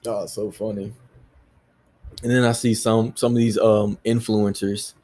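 A man's voice: fairly low pitch, level tone, measured pace, dark tone. A man in his thirties from the United States, hosting a solo podcast and ranting bluntly with lots of swearing. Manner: profane, blunt, ranting with laughs. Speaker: podcast host.

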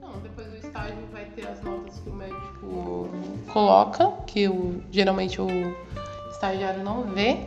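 Blunt woman with a gravelly highish voice, dull lo-fi sound, loud music underneath. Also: steady tone, moderate pace. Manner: blunt and matter-of-fact, casual slang. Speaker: veterinarian guest. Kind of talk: casual podcast chat.

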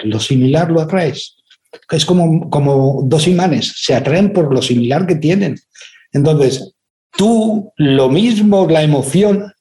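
A man's voice: a little high, dark tone. A man giving an inspirational lecture, often asking rhetorical questions of his listeners. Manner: acts out quoted voices in stories. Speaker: speaker giving a talk.

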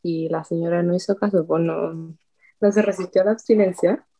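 Mellow-voiced Chilean young woman. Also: fairly low pitch, normal speed. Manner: slangy, animated storytelling. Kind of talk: casual chat.

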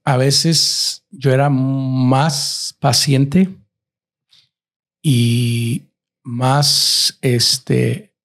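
Middle-aged guy w a gravelly voice telling a story, drops in english words here n there. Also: mid-range voice, drawn-out words, a bit bright. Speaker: father and husband, guest. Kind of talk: casual family conversation.

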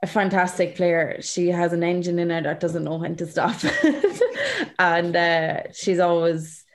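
A woman's voice: fairly low pitch, little pitch movement, a little slow. An Irish woman being interviewed as a sports player, chatting casually and leaning on "like" and "you know".

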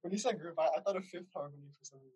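Young male podcast co-host, playful and giggly, with a husky voice. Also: a little high, very fast, warm tone, low-quality recording. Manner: playful, laughs often, mock-innocent. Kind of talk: casual podcast chat.

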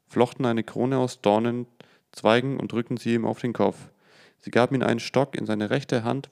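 Gravelly-voiced man reading scripture. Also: mid-range voice. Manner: steady plain reading with occasional self-corrections. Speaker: Bible reader.

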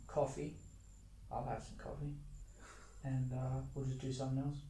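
A man's voice: mid-range voice, level tone, normal speed, reverberant, noisy background. A man hosting a casual podcast chat, rambling with lots of fillers. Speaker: podcast host.

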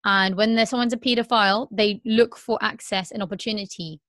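A woman's voice: medium pitch, fairly even intonation, fairly quick, a bit bright, no echo, clean studio sound. A woman in her thirties hosting a candid podcast, talking earnestly with many repeats and "um"s. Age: 30s. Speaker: podcast host.

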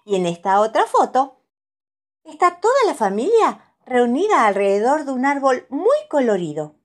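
A woman voicing a cheerful little girl piglet in a storybook reading, all excited exclamations. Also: sits high, moderate pace, pitched above the performer's own voice. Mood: happy.

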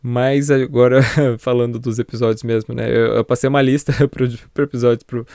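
A Brazilian man chatting on a podcast, retelling horror anime episodes with lively storytelling. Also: medium pitch, a little fast, creaky, dry recording, clean studio sound. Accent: Brazilian Portuguese. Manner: animated storytelling, acts out scenes with laughs. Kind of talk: casual chat reviewing an anime.

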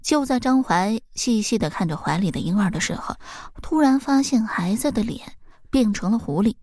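A woman reading a folk tale aloud in an expressive storybook narration. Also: fairly high pitch, normal speed, dry recording, studio quality.

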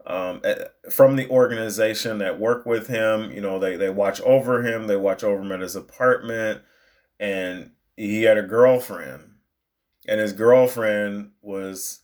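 A young adult man telling a personal story in a casual, animated way, rambling and restarting his sentences as he goes. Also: lowish voice. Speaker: storyteller recounting a movie outing.

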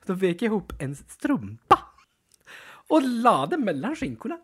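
A man co-hosting a podcast at home, chatting casually, animated and defensive, laughing often. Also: high voice, breathy edge. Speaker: podcast co-host. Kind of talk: casual chat. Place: at home, dog in the room.

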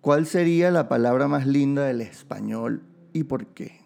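Venezuelan male podcast host, gravelly voice, playful casual banter. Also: mid-range voice, expressive, unhurried, darkish tone. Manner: playful, joking. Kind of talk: casual chat.

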